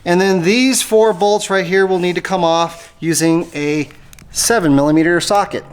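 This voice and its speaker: A woman with a lowish voice speaking at normal speed presents an informal, step-by-step how-to car repair video, talking casually while working with her hands. The recording is clearly noisy, with clicking tool sounds.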